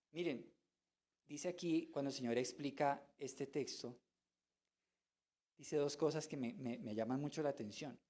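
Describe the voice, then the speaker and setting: A man's voice: fairly high pitch, a little mellow. A man preaching a sermon as pastor, asking rhetorical questions and mimicking voices. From Colombia.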